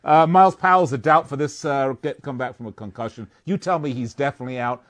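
A man's voice: medium pitch, quick pace, fairly bright tone. A man hosting a sports betting show, reading off stats and joking with his co-host. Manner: jokey, rattles off stats. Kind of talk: casual sports betting talk.

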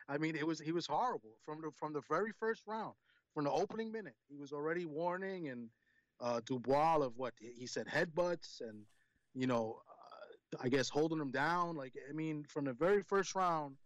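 A man's voice: fairly high pitch, moderate pace, no echo. A man chatting casually about boxing as a co-host calling in to a show. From the Bronx, New York. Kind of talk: casual call-in sports chat. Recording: dull, lo-fi call audio.

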